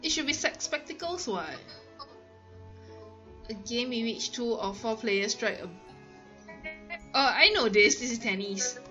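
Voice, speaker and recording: A woman's voice: a little high, animated, slow, pauses often. A woman with a Singaporean accent thinking aloud and exclaiming casually as she plays a word game. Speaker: gamer hosting a let's play. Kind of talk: casual chat and reading aloud while playing a word game. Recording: muffled lo-fi audio with music.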